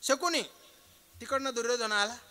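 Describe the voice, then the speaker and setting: A man's voice: very high-pitched, normal speed, clear, resonant tone. A male kirtan preacher telling a devotional story, talking straight to the audience and acting out the characters as he goes. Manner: lively, acts out characters in the story; addresses the audience directly.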